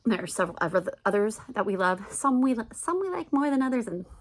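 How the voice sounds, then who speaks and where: A middle-aged American woman with a high-ish, sing-song voice talks fast as she gives recommendations on her video blog, keeping it casual and emphatic.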